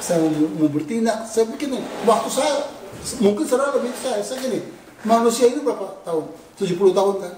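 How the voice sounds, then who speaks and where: A man's voice: very high-pitched, quick pace, a little mellow. A man in his sixties with an Indonesian accent, preaching a sermon in an earnest, confessional way with self-deprecating laughs. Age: 60s. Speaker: pastor. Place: church hall. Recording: echoey hall, mic at a distance, faint noise.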